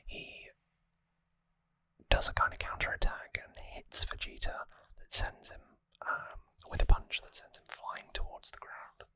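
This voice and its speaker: Whispering close to the mic, an ASMR host gives an informal recap in short phrases broken by hesitant pauses. The sound is pushed and bright, with no room sound and poor audio quality.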